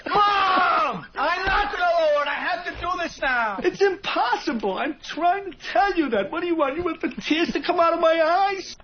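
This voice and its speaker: An actor playing a frantic man who shouts through tears in a shrill, wailing voice. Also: expressive, moderate pace, long pauses, highs cut off. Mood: distraught.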